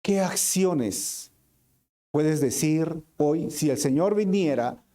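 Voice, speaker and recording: A male pastor with a Peruvian accent preaching a sermon in church, animated and full of rhetorical questions to the congregation. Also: a little high, slow pace. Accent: Peruvian Spanish. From Peru.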